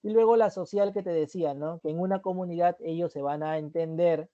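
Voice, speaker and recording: A man gives a review lesson with a mellow, warm voice pitched a little high. He explains patiently, repeats each key term and keeps checking that the students follow. The sound is dull and lo-fi, like an online class. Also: fairly even intonation, a little fast. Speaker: teacher.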